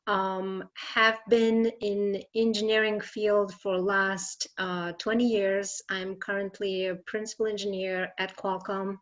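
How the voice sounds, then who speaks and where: Measured woman from Bosnia, dull call audio. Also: mid-range voice. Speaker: panelist.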